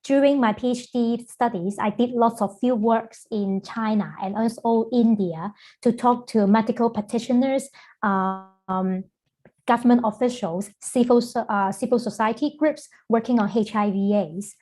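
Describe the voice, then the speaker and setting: A middle-aged woman from Hong Kong gives an online lecture over a video call. Her voice sits somewhat high, and she speaks in a measured way, with frequent fillers between phrases. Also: darkish tone. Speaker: guest lecturer.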